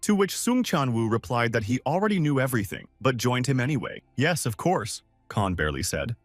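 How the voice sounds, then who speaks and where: A man narrating a comic story recap in a lively storytelling manner. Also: mid-range voice, quick pace, dry recording. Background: faint music.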